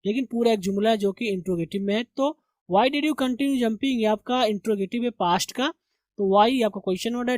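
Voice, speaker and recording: A man, teaching English through line-by-line translation, reading English slowly and explaining quickly. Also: sits high, darkish tone, no echo. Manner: reads English slowly, then explains briskly in Urdu; repeats "theek hai" as a check-in.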